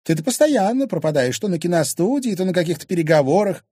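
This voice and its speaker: A man reading an audiobook, voicing a jealous, sarcastic rich wife in a high, shrill, accusing voice. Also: sing-song, quick pace, mellow, husky, no echo, clean studio sound, exaggerated voice. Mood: indignant.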